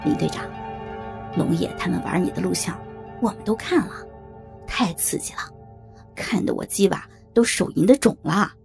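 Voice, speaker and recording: A woman voicing a crude, leering young male police officer in an audio story, speaking with a lowered voice. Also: expressive, moderate pace, gravelly, long pauses, darkish tone, soft background music. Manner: lewd, teasing.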